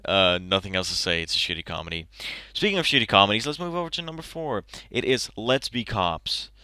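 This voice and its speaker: Young guy ranting about bad movies, bright crisp voice, bounces all over, swears a lot, dry sound. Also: on the low side, fairly quick, dry recording. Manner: animated, gets agitated and swears. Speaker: movie reviewer. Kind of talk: casual ranting review.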